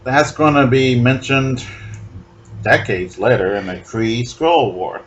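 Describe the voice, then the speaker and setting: A man co-hosting a podcast, chatting about comics in a relaxed, wry way and often trailing off mid-thought. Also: mid-range voice, takes it slowly, dull audio, slight background noise. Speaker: podcast co-host. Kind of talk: casual comic book discussion.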